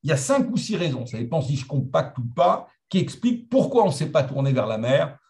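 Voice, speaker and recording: A middle-aged man from France giving a lively, conversational lecture to historians, with humorous asides. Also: a little high, brisk, creaky. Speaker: guest speaker.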